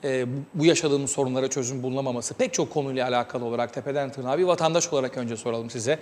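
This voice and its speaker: A man hosting a TV talk show, giving news commentary with a measured delivery and many hesitant filler sounds. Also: mid-range voice, a little mellow, big-room sound.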